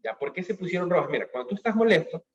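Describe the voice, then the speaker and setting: A man giving a motivational lecture on emotions at a business school, animated, asking questions and answering them himself, heard through a webcam on a video call. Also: high-pitched, racing, highs cut off. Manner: animated, asks and answers his own questions. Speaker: speaker at a business school talk.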